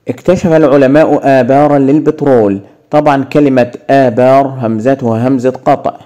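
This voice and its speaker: A man's voice: mid-range voice, dark tone. A man teaching an Arabic grammar lesson in an Egyptian accent, asking questions and answering them himself.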